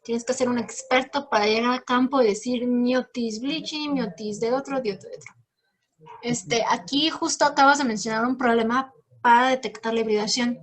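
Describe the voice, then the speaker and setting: A woman's voice: a little high, fairly even intonation, normal speed, slight background noise. A woman giving an academic talk and answering questions, explaining patiently with frequent fillers. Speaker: guest lecturer.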